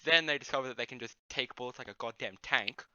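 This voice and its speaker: Deadpan young Australian man. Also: mid-range voice, fast talker, highs cut off, slight background noise. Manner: dry, blunt, deadpan quips. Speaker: podcast co-host. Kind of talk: casual chat.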